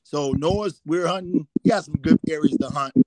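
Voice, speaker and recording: Middle-aged man telling an animated story. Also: a little high, normal speed, over a noisy crowd, rough recording. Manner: animated, rambling, repeats "I said". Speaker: guest. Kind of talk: storytelling anecdotes.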